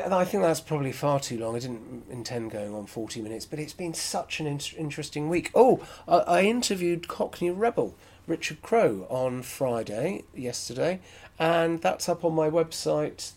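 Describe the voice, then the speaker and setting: A man's voice: fairly high pitch, darkish tone. A man hosting a solo podcast, talking frankly and with strong opinions as he thinks aloud. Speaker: podcast host.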